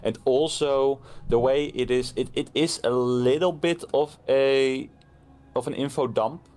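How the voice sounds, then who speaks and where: Guy on a podcast, chill and measured, kinda searching for words. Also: medium pitch, steady tone, a little mellow. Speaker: podcast co-host. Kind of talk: casual chat.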